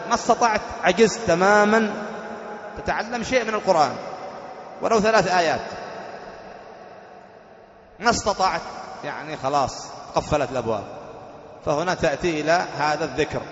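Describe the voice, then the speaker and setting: A man teaching a religious lesson. He explains point by point, repeats the key rules and slows down to recite verses with careful stress. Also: high voice, a bit bright. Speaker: sheikh teaching fiqh. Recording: echoey hall, dull lo-fi sound.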